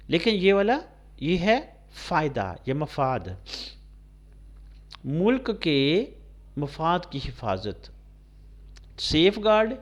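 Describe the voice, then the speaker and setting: A man from Pakistan teaching English to blind students, spelling words out letter by letter and translating them into Urdu. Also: fairly high pitch. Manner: slow, spelled-out dictation of words, switching between English and Urdu; addresses students by name, checks understanding. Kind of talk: recorded classroom lecture.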